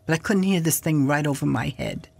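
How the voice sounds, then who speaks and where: A woman's voice: low voice, fairly quick, gravelly, a little mellow. An older woman, a guest in an interview, telling a story with animation and acting out past dialogue.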